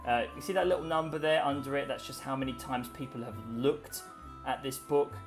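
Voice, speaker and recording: A man's voice: medium pitch, steady tone, fairly quick, over music. A young man, an online English teacher, talking casually through a screen-recorded app tutorial, with lots of "you know" and "okay?".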